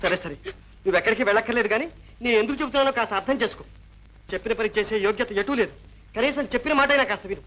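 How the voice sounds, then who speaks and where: An actor playing a stern older head of family who scolds his household loudly and with exasperation, over film music. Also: very high-pitched, racing, muffled recording. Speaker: father-in-law. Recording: film soundtrack with background music.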